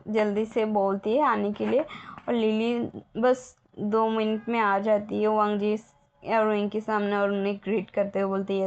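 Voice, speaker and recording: A woman's voice: mid-range voice, dull audio. A young woman casually retelling a fan fiction story in a chatty way with many fillers. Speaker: story narrator.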